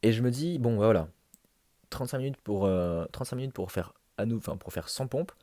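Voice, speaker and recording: A man's voice: on the low side, animated, a little fast, mellow, dry recording. A man giving a casual, conversational voice-over recap as a fitness challenge vlogger. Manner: informal, conversational, addressing himself and viewers.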